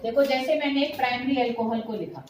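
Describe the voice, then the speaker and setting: A woman's voice: high voice, lively intonation, fast talker. A woman teaching chemistry to a class, often checking that the students follow and calling them "beta". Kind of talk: classroom lecture mixing Hindi and English terms. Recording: echoey room with faint noise.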